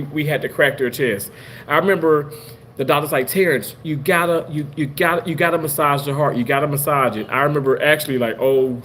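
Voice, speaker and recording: Man, late 30s, surgical assistant, rambling animated storyteller, slightly high voice. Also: slight background noise. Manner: rambling, animated, many restarts. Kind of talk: casual storytelling monologue.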